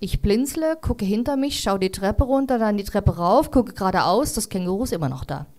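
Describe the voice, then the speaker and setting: A woman reads a story aloud to listeners in a relaxed, chatty manner. She breaks off now and then with fillers. Her pitch sits mid-range for a woman. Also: fairly quick. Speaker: reader. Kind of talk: casual reading aloud to an audience.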